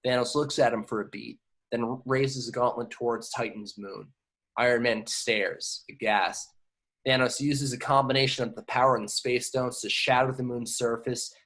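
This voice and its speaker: The stage directions reader at this amateur table read is a man whose voice is on the low side and a bit bright. He works through the scripted action descriptions, sometimes stumbling and repeating words.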